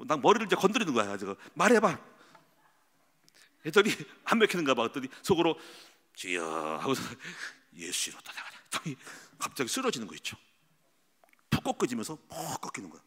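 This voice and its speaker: A middle-aged male pastor preaching a sermon, telling stories with lively energy and acting out the voices he quotes. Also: mid-range voice, husky. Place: church sanctuary. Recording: long hall reverb.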